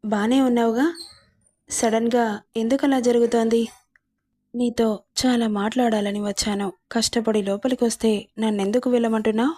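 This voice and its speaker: A woman voicing a remorseful young man who pleads gently in a storybook reading. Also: on the high side, level tone, normal speed, close to an everyday voice. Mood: pleading.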